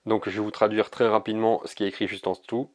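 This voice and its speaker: A man giving a casual oracle card reading to camera, hesitant and gentle, with many fillers and restarts. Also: fairly low pitch, little pitch movement, fast talker.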